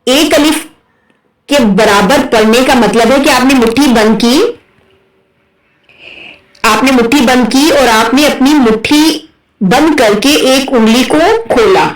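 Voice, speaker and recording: A woman teaching Quran recitation, explaining letter sounds patiently and drawing them out slowly as she models them. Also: a little high. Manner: patient, often checks with "right?", draws out sounds slowly when modelling. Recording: echoey room, voice from a distance.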